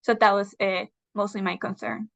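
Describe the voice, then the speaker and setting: A young woman from Venezuela answers interview questions in a thoughtful, hesitant way, often pausing with fillers. Her voice sits at a middle pitch, and the recording has a slightly dull, lo-fi sound. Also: level tone, vocal fry. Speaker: interview guest. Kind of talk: video interview.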